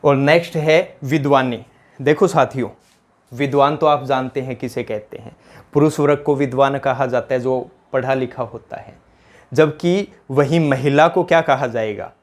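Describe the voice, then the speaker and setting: At normal speed and mid pitch, a man with a Rajasthani accent delivers an exam-prep grammar lesson. He asks questions again and again to drill answers and addresses the students as companions.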